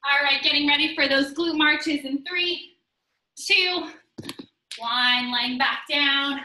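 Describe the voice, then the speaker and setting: A young woman leads a guided workout class, counting down each set and cueing form while she does the moves herself. Her voice is very bright and sits high. She sounds set back from the mic in a roomy space. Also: slow pace, far from the mic. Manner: steady counting cues, instructive while exercising. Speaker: fitness instructor.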